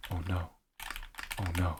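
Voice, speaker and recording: A man's voice: deep voice, noisy background. A young man streaming a game, chatting casually and mocking himself with frequent laughs. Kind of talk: casual live gameplay commentary.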